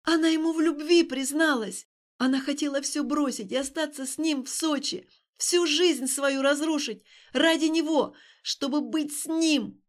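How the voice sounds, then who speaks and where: A woman's voice: high voice, moderate pace. A woman narrating a novel with dramatic, emotionally charged reading. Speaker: audiobook reader. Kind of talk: expressive audiobook narration.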